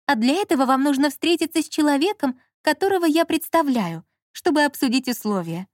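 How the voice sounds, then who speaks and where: A scheming young con woman with a high, lively voice, played by a woman reader, pushing her marks with theatrical flair in this storybook. The sound is dry and close. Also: a little fast, no room sound. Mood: coolly threatening. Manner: theatrical, switching between cold pressure and gushing. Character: sly young woman swindler on the phone.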